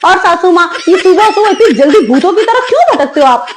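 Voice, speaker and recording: A woman voicing a lazy, cheeky young daughter-in-law who talks back quickly and chattily in a comic family sketch. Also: very high-pitched, expressive, slight background noise. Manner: quick, chatty, giggly backtalk.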